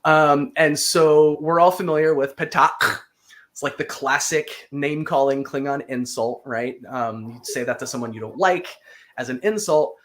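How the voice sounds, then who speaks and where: Patient casual language teacher. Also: mid-range voice. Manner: patient, repeats phrases slowly for practice.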